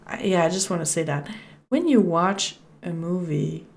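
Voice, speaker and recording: A woman's voice: lowish voice, animated, moderate pace, vocal fry. A French Canadian woman, a native French speaker, casually streaming a game, reading its text aloud and chatting with viewers.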